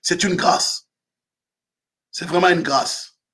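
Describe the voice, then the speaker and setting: A man in his fifties, a pastor from Africa, preaching a sermon with frequent shouted emphasis. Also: sits high, steady tone, takes it slowly. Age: 50s.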